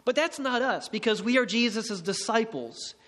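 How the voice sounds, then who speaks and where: A man giving a sermon in a church, earnest and measured, slowing down to stress key words. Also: extremely high pitch, expressive, sharp tone. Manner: measured, earnest, slows for emphasis. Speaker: preacher. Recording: long reverb in a hall.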